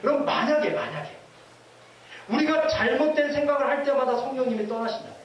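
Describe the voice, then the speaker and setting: A male pastor preaching a sermon in a church, lively and often asking the congregation questions and leading them in readings. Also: very high voice, brisk. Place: church sanctuary. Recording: echoey hall from far off, faint hiss.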